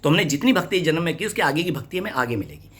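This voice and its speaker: A man's voice: on the high side, sing-song, very fast, a bit bright. A man giving a devotional sermon, scolding and urging his listeners with rhetorical questions and repetition. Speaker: devotional preacher.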